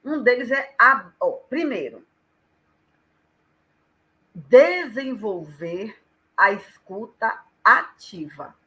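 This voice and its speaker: Animated bright Brazilian woman educator. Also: fairly high pitch, drawn-out words, pauses often, low-quality recording. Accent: Brazilian Portuguese. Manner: animated, acts out quoted speech vividly. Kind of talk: explanatory conversation on a live stream.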